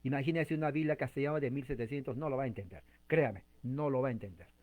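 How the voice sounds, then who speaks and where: A man's voice: mid-range voice, quick pace, a little mellow. A man leading a conversational Bible study, chatty and informal, often putting direct questions to his listeners and restarting his sentences.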